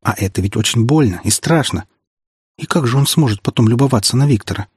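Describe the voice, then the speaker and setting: A man narrating an audiobook in a measured, expressive reading. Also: medium pitch, breathy edge, no echo, clean studio sound.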